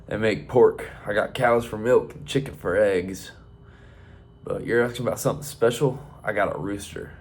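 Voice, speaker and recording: A man voicing a gruff, cagey old male farmer who talks in a folksy drawl. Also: on the low side, moderate pace, a little mellow. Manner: gruff, drawling folksy talk with 'by God'.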